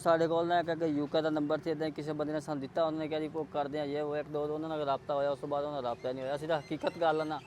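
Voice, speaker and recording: A man with a Pakistani Punjabi accent tells his story in a quick, tumbling rush. His voice sits slightly high, and his earnest, rambling pleas carry over faint traffic outdoors. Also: little pitch movement, a little mellow. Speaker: relative seeking help for a sick child. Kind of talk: unscripted conversation.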